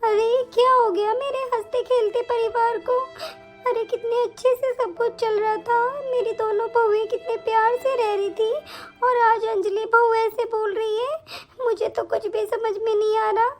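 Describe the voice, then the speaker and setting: A woman voicing a doting, fretful older mother-in-law in an animated story. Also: very high-pitched, a little slow, soft background music. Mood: worried.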